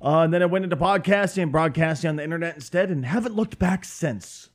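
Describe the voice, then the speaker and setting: Ein Mann mit nördlichem Minnesota-Akzent, der locker, derb und scherzend einen Podcast moderiert. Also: male voice, on the high side, quick pace. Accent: Northern Minnesota. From northern Minnesota. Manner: loose, profane and joking. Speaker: podcast host and streamer. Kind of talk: casual podcast chat. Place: home room with window open.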